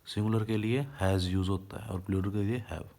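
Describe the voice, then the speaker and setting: A man teaching an English grammar lesson who keeps asking the class questions and answering them himself, and who reads the example sentences out slowly. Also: on the low side, fairly even intonation, gravelly, warm tone.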